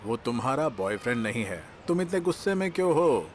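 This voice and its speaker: A man's voice: mid-range voice, very animated, a little fast, a little hiss or hum, lightly acted. A middle-aged man voicing a teasing, easygoing taekwondo studio owner in a drama dub.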